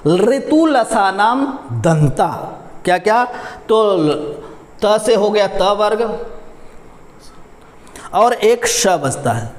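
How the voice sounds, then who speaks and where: A man's voice: high-pitched, expressive, takes it slowly, pauses often, echoey room. A male teacher giving a patient pronunciation lesson, repeating syllables and asking questions to his young viewers. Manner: addresses viewers as "my dear children".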